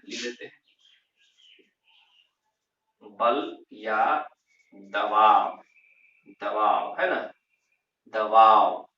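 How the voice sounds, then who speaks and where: A man's voice: mid-range voice, pushed and bright. A man gives a grammar lesson, asking questions and answering them himself as he drills each term. He sounds set back from the mic. The room is echoey and the audio dull. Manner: repeats key terms, slow and emphatic, asks and answers himself. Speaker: English grammar teacher. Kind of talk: classroom lesson explaining grammar. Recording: roomy, distant, dull lo-fi sound.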